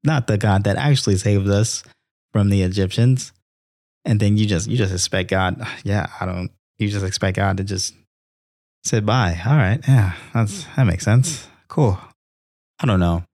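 Young male host, lowish gravelly voice, casual devotional chat that breaks into acted-out quotes. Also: measured pace, no room sound, studio quality. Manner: animated storytelling, acts out quotes; conversational with frequent restarts. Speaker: Bible reading podcast host.

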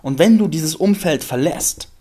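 Podcast host, male, slightly high voice; candid, emphatic monologue with casual swearing. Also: expressive, unhurried, warm tone, breathy edge. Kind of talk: personal storytelling monologue.

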